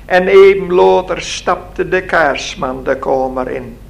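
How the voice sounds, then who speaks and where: A man reads a story aloud in a slow, measured voice. His tone sits a little high and has a gravelly rasp.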